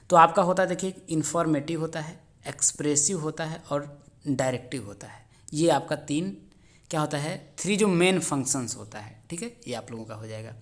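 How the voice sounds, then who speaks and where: A man's voice: on the high side, fairly bright tone. Hindi teacher quizzing his class aloud. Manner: keeps asking the class rhetorical questions, then answers them himself; reads English questions out slowly, word by word. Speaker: teacher and channel host. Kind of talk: exam paper solution lesson.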